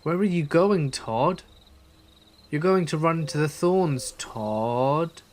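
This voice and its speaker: A man voicing an unseen, inhuman voice in the woods that mimics a person calling out loudly. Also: a little high, slow pace, voice pushed up. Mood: calling eerily.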